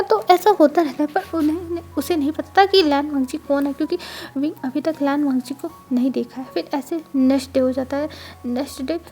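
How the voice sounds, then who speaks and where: High, mellow-voiced woman telling a story. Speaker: fanfiction storyteller. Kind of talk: casual storytelling narration.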